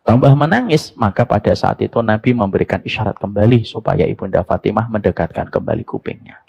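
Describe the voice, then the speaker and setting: Male preacher, animated sermon delivery, gravelly texture, playful rhetorical questions. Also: fairly low pitch, brisk. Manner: animated storytelling, mixing jokes and rhetorical questions. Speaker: Islamic preacher.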